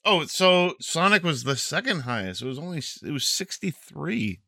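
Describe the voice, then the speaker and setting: A man hosting a podcast, talking in casual, profane, animated chat. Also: on the high side, moderate pace, vocal fry, crowd noise. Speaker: podcast host.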